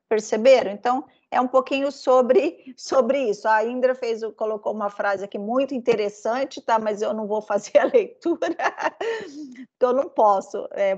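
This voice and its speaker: A woman's voice: fairly high pitch, muffled recording. A woman with a Brazilian Portuguese accent teaching an online class, explaining patiently with many fillers.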